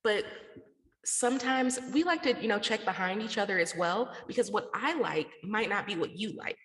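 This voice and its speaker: A woman's voice: mid-range voice, lively intonation, moderate pace, fairly bright tone. An American woman from the South talking casually and slangily as a guest in a radio interview. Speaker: interview guest, podcast network founder. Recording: echoey, reverberant room.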